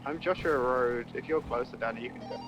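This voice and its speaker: A man's voice: mid-range voice, fairly quick, muffled recording, background noise. A man in a roleplay game talking as a police officer over a walkie-talkie radio. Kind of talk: radio traffic.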